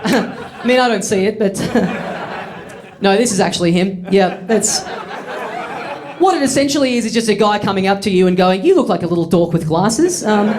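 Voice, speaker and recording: A young Australian man telling a story in stand-up, wry and self-deprecating, laughing through his lines before a live audience. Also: high-pitched. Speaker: stand-up comedian.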